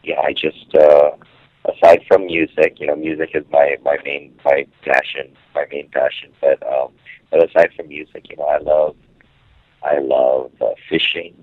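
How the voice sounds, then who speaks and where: Very deep-voiced man on a phone line. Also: little pitch movement, no room sound. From Hawaii. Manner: halting, searching for words. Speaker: guest musician. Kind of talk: casual interview talk. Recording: phone-line audio with faint music.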